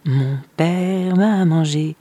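A woman reading a storybook and voicing a magical bird that sings its lines in a slow, chanted singsong. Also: low voice, mellow, dry recording, heavily acted. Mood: chanting. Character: haunting magical bird, singing slowly.

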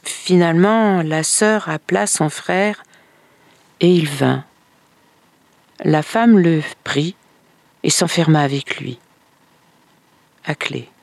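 A woman telling a folktale in a slow, expressive storytelling manner. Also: low voice, creaky, dry recording. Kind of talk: folktale narration.

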